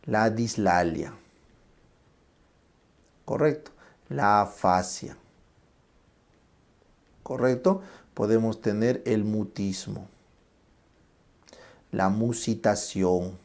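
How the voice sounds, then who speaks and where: Male lecturer, gravelly voice, dark tone, slow explanations, frequent check-in questions. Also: on the low side. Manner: checks in often with tag questions; explains terms slowly, then shows them aloud. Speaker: medical lecturer. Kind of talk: classroom lecture.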